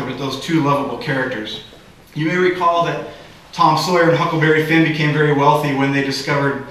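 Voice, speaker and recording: A man's voice: mid-range voice, a little hiss or hum. A man from the Bay Area giving a commencement speech at a graduation ceremony, with a joking delivery. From San Francisco Bay Area. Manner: warm joking delivery with audience laughter. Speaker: commencement speaker. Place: large hall at a graduation ceremony. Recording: echoey hall, distant mic.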